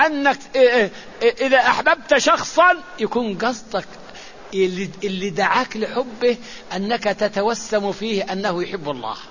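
An older man giving a religious lecture, halting and repeating words, his voice rising as he exhorts. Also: fairly bright tone. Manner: halting, repeats and restarts words, rises in pitch when exhorting. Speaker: religious preacher. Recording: dull lo-fi recording with faint hiss.

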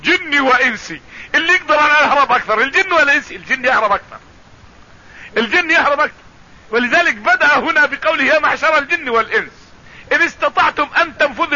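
Husky bright-voiced scholar on radio. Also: male voice, extremely high pitch. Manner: explanatory, repeats phrases, recites verses. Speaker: religious teacher. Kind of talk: Quran commentary lesson. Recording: dull lo-fi radio broadcast.

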